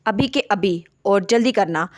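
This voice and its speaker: A woman's voice: mid-range voice, measured pace, lightly acted. A woman reading the lines of a stern, protective wealthy male duke in a storybook retelling, giving urgent orders.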